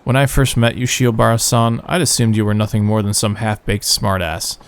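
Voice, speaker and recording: A man with a nasal, phlegmy morning voice reading the lines of a calm, generous male lender in a game. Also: lowish voice, normal speed, clear, resonant tone, lightly acted. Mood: assured.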